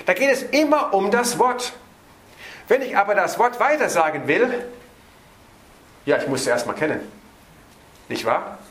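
A man preaching an evening sermon on a Bible passage. He stresses words by slowing down and hurries through his asides. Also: high-pitched, very animated, fairly bright tone, echoey room.

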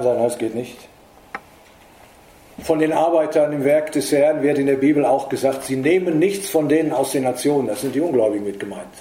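Earnest middle-aged preacher in an echoey room. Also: male voice, warm tone. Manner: earnest, emphatic, rises in pitch for stress. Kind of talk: sermon.

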